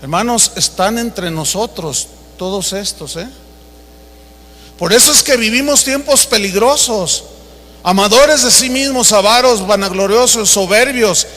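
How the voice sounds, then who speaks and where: A man's voice: high voice, sharp tone. A man preaching a sermon, emphatic and acting out stories as he goes. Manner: emphatic preaching with acted-out anecdotes. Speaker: pastor. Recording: reverberant hall.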